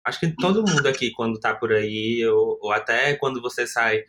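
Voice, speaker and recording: A man hosting a podcast, steering the conversation in a relaxed way. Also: mid-range voice, normal speed.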